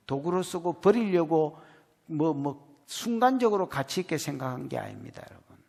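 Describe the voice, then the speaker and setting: A man's voice: on the high side, huge pitch swings, normal speed, vocal fry, darkish tone. A male pastor with a Gyeongsang accent preaching a sermon in an emphatic, folksy way, speaking straight to the congregation. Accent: Gyeongsang Korean. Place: church sanctuary. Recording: long reverb of a church hall.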